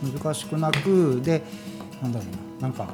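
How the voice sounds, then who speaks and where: A woman chatting on a radio show, speaking thoughtfully and pausing as she searches for the right words. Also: sits low, music in the background. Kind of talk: casual radio chat.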